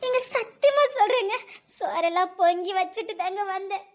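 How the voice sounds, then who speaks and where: A woman's voice: very high-pitched, normal speed. A woman playing a devoted working wife who earnestly protests and tearfully pleads in a web drama. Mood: pleading. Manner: earnest, pleading protests, sobbing through laughter.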